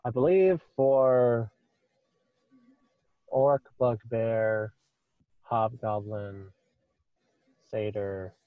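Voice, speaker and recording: A man improvising narration as a tabletop game master, haltingly, often repeating phrases. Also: lowish voice, no echo, phone-quality sound.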